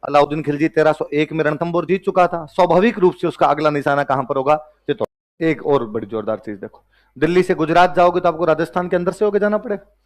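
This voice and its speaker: A young male history teacher giving a lively classroom lecture, telling stories and acting out their characters, and quizzing his students as he goes. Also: a little high. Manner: storytelling teacher who acts out characters with quick question-and-answer asides.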